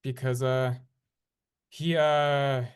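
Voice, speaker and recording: Male host, mid-range pitch, easygoing, filler-heavy delivery. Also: drawn-out words, clean tone. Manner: relaxed, with frequent uh fillers. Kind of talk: casual interview chat.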